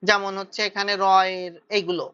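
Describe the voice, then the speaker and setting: A woman's voice: mid-range voice, level tone, a little fast, a bit bright, clear, resonant tone, lo-fi sound. A woman teaching a grammar lesson for exam preparation, explaining step by step and checking that students follow.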